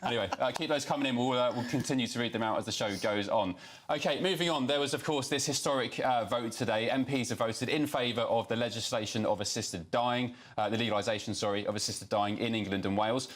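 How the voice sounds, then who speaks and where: A man hosting a live-stream, reading out viewer comments and news in a relaxed way with many fillers. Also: mid-range voice, fast talker.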